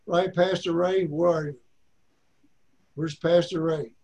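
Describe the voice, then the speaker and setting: An older man with an Arkansas accent teaches a Bible class in a high, light voice. He speaks in a folksy way, driving his points home by repeating them. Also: steady tone, slow pace, darkish tone.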